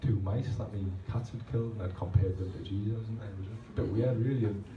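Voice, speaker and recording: Here a man in his 30s performs rhymed poems at a pub poetry night, chatting loosely and self-deprecatingly between them in a rhythmic style. His lowish, steady voice moves a little fast. The recording is distant and roomy, with the highs cut off, faint ambience and crowd noise.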